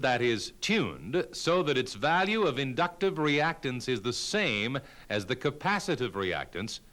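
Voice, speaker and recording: A man narrating a scripted technical lesson as an instructor, in a measured, explanatory way with emphasis on key terms. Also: medium pitch, a bit bright.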